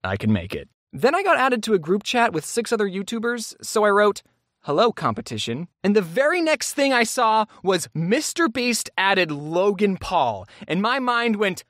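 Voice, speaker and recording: Man narrating a funny story, high bright voice, very lively, dry close mic. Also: moderate pace, few pauses, no echo. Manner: excitable, jokey, swings between high and low voice. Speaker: animated storytime YouTuber.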